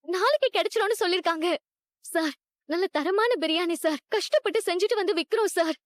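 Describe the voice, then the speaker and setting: A woman voicing an earnest young street vendor who pleads and hushes her friend in a drama dub. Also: fairly high pitch, normal speed, dry recording, clean studio sound, close to an everyday voice. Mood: pleading. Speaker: street biryani seller.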